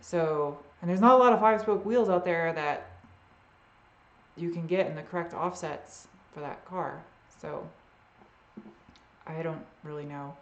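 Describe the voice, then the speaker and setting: Answering viewer questions in a live Q&A, a woman with a faint Boston accent chats casually, rambling uncertainly and frequently trailing off. Her low voice moves at a measured pace with long pauses, and the audio is dull and echoey.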